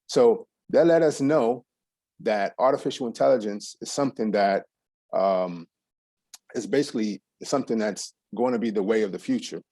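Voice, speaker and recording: With a lowish, darkish voice at a moderate pace, a middle-aged man from San Antonio, Texas gives a meandering presentation, often saying um and starting over. There's no echo.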